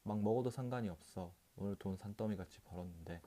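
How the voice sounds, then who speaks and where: A man's voice: on the low side, quick pace, natural voice. A man reading the part of a drunken, boisterous rickshaw puller who blusters and curses, in an audiobook. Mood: boastful drunk. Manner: blustering, cursing, shouting.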